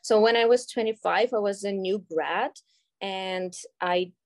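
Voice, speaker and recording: A woman's voice: mid-range voice, a little slow, darkish tone. A woman in her thirties from Russia with a Russian accent, talking as an interview guest, hesitant with many fillers and frequent laughs. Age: 30s. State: pregnant. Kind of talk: casual interview.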